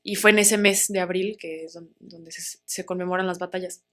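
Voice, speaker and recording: A young woman with a Mexican accent, an actress telling a story in a casual interview, animated and acting out the voices of the people she quotes. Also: lowish voice, moderate pace. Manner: animated, acts out quoted voices, laughs often.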